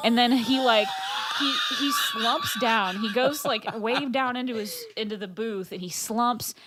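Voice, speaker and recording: A woman's voice: on the high side, measured pace, very noisy. A woman co-hosting a podcast, telling a rambling workplace story in casual chat with lots of fillers.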